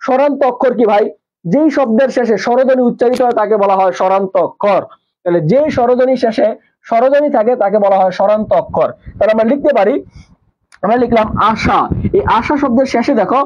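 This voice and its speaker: High pitched guy teaching online, keeps quizzing students and repeating terms, muffled lo-fi sound. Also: fast talker, darkish tone. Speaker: nursing admission teacher. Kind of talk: live online class.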